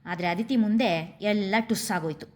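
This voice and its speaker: A woman voicing a joking young man who explains himself slowly. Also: medium pitch, a little mellow, close to an everyday voice. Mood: sheepish.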